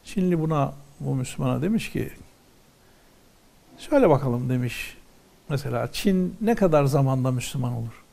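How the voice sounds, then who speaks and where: A man's voice: mid-range voice, lively intonation, normal speed, gravelly, long pauses, dark tone. A man teaching from a religious text, reading ornate old wording aloud and then explaining each phrase in plain words.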